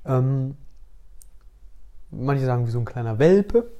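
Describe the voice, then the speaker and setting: Woman with a dark, mellow voice, deadpan. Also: extremely low pitch, slow pace, lo-fi sound. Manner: deadpan, mock-dramatic storytelling. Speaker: podcast co-host. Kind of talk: casual podcast chat.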